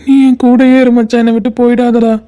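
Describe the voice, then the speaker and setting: A woman's voice: on the high side, level tone, brisk, dark tone, natural voice. A woman voicing a heartbroken young man in a cartoon, talking in a despairing, pleading way to his best friend. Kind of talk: cartoon voice acting.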